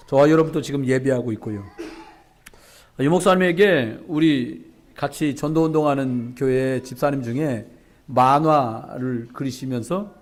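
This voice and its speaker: A man's voice: medium pitch, darkish tone. A man pastor preaching a sermon in a church, conversational and joking with the congregation. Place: church sanctuary.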